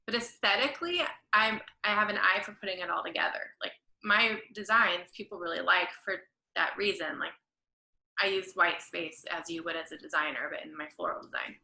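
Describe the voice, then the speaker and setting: A fairly low, slightly fast voice, creaky yet bright and forceful, belongs to a florist and creative director telling a long, rambling story as a podcast guest. She chats freely and corrects herself mid-stream. The recording is rough with a roomy sound.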